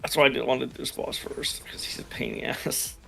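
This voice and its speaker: A man's voice: mid-range voice, little pitch movement, a little fast, gravelly, pushed and bright, soft background music. A man chatting casually as a fellow gamer, blunt and grumbling, with casual swearing. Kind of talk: casual gaming chat.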